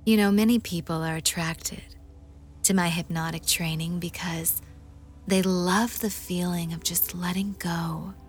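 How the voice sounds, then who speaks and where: A woman doing an ASMR role-play as a hypnosis guide, murmuring softly and breathily right into the ear, teasing, coaxing and gently commanding. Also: fairly low pitch, steady tone, a little slow, faint music behind. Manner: soft, intimate, breathy close-up murmur, right in the ear, often slipping into soft voice. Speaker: hypnosis audio host.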